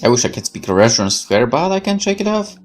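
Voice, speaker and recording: Over background music, a man reads horror fiction aloud like a gaming host narrating a visual novel. His mid-range voice swings widely in pitch and moves fast, theatrical and intense, with the occasional stumble over a word in this dramatic scripted narration.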